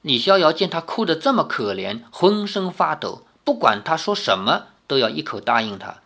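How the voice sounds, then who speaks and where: A woman reads a novel aloud with a lively, swinging pitch. She tells it expressively and stops now and then for a casual aside to her listeners. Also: moderate pace, husky. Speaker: storyteller.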